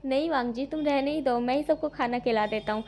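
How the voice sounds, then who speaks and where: A woman's voice: sits high, brisk, a little mellow, slight background noise. A woman voicing a playful young man who teases with mock threats, read as a story. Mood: teasing. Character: playful teasing young man, the lead hero.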